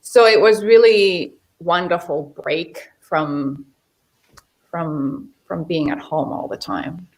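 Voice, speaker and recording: A woman's voice: lowish voice, takes it slowly. A middle-aged woman from Finland, a model and actress, chatting casually as an interview guest and telling stories with frequent laughs. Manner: chatty, laughs often, animated storytelling.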